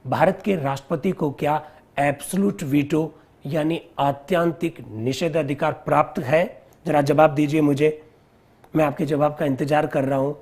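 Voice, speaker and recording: A man's voice: a little high, fairly even intonation, normal speed, darkish tone. A man teaching a live online civics lesson, explaining step by step, repeating key terms and quizzing his viewers.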